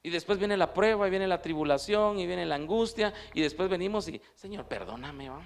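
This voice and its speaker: A man pastor preaching a sermon, asking the congregation questions and reading scripture slowly and with emphasis. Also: high voice, creaky, smooth. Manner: drops to a hushed voice for quiet passages.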